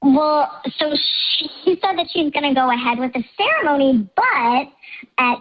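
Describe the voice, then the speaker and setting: A woman phones in to a radio show with her voice masked by a voice changer. It comes out fairly high and sounds dull and lo-fi down the phone line. She tells her story in a chatty, slightly nervous way, full of "um" and "like". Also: expressive, measured pace. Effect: voice changer disguising her voice. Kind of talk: telling a personal story on air.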